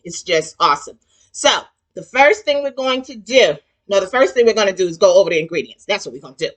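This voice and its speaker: A woman in her sixties with a Southern US accent, hosting a casual cooking demonstration in her home kitchen and chatting warmly and folksily with viewers. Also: medium pitch, animated, fast. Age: 60s. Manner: chatty and folksy, calls viewers honey and child. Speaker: cooking show host.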